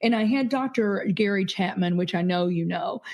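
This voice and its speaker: Here a company CEO appears as a podcast guest, a middle-aged woman whose voice sits at medium pitch and moves at an ordinary speed. Her interview talk is earnest and warm, peppered with fillers and quick laughter.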